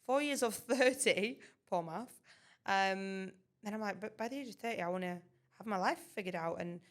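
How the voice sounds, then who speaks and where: A woman's voice: medium pitch, moderate pace. A woman, co-hosting a podcast in a chatty way and laughing often. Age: 20s. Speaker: podcast co-host. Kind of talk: casual chat.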